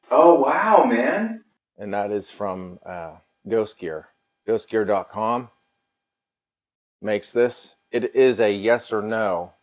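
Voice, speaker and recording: This middle-aged American man hosts a paranormal livestream in a relaxed, folksy manner, repeating himself while showing off a product. His voice is on the low side with a darkish tone.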